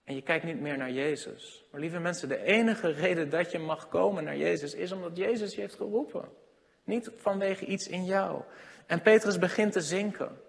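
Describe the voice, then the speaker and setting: A man preaching a sermon, swinging between loud emphatic lines and hushed low ones. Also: normal speed, vocal fry. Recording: long hall reverb.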